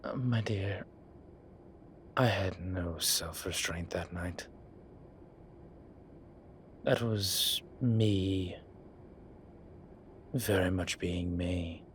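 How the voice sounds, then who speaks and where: In this audio roleplay, a man plays a flirtatious demon professor who stays composed and keeps a genteel, professional front. His low-pitched voice is soft, often whispered and unhurried, with a slight hiss or hum, and his manner is teasing and measured.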